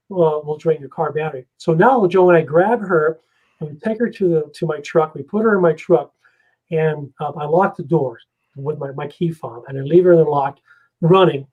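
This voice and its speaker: Animated storytelling man, fairly high voice. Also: brisk, narrow, tinny audio. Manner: animated, vivid storyteller acting out scenes. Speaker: guest paranormal investigator. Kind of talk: casual storytelling.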